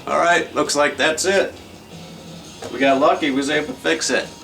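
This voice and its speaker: Here a man hosting a repair video walks through a hands-on demonstration, casual and folksy in plain language. His voice is a little high and creaky, his pace moderate, recorded on a distant microphone with music in the background.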